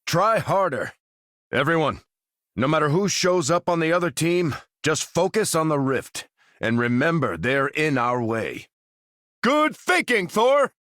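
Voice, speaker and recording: A man's voice: fairly high pitch, sing-song, unhurried, a bit bright, no room sound, studio quality. An American man playing Captain America, a stalwart veteran soldier hero and earnest, commanding leader in a video game. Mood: rallying, urgent. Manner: earnest, commanding, military phrasing. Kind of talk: video game character voice lines.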